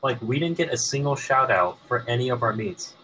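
A man's voice: medium pitch, expressive, a little fast, pushed and bright, slight background noise, poor audio. A teenage boy co-hosting a student podcast, venting with indignation about being overlooked. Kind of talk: casual chat.

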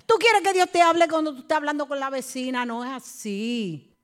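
A high-pitched middle-aged woman delivers an impassioned sermon. She moves from hushed, intimate storytelling to loud, pressing calls to the congregation. English words slip into her now and then. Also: a little fast. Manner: impassioned, swings between soft storytelling and loud exhortation; mixes English words into Spanish. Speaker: preacher.

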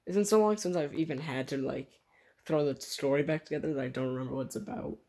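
A man's voice: fairly high pitch, a little mellow. A young man in casual chat, joking and rambling with friends. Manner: joking, rambling, quick to laugh.

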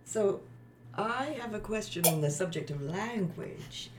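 A woman's voice: medium pitch, animated, a little slow, a little hiss or hum. Chatty woman hosting a podcast. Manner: chatty, asks lots of questions. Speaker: podcast host. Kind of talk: casual family chat.

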